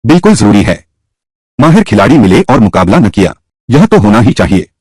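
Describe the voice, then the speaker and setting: A man dubbing a historical costume drama, voicing many characters in a lively, shifting way. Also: fairly low pitch, brisk, husky, dry recording, studio quality. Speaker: dubbing narrator voicing all roles. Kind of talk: Hindi dub of a historical drama.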